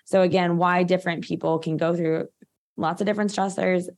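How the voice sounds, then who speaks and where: A woman's voice: on the low side, steady tone, brisk, a little mellow. A woman, talking as a guest practitioner in a casual interview, chatty and full of filler words. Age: 30s.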